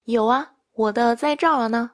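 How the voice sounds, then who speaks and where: A woman's voice: fairly high pitch, unhurried. A woman teaching a listen-and-repeat language lesson, patiently saying each phrase twice.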